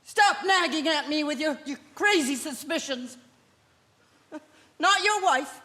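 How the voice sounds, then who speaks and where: An actress playing a resentful, unfaithful wife on stage, cold and defiant. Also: female voice, high voice, expressive, slow pace, pushed and bright, heavily acted. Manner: cold and defiant, turning tearful. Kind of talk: stage drama performance.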